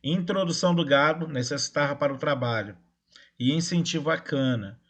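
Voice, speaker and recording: Male history teacher, slightly high voice, casual online lecture. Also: brisk, fairly bright tone. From Brazil. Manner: casual, checks in with "tá?" and "né?".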